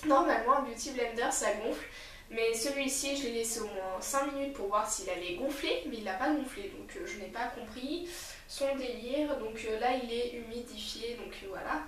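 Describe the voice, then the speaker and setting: A woman's voice: on the high side, normal speed, fairly bright tone, echoey room, poor audio. A woman beauty vlogger reviewing a makeup kit in a rambling, chatty way, talking straight to her viewers. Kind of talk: casual makeup review and tutorial.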